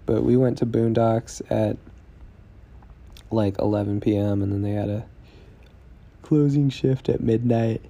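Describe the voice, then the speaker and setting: A young man drifts through a casual video diary in a slow, rambling drawl, sounding stoned. His low voice has a gravelly fry and a dark, mellow tone. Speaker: vlogger.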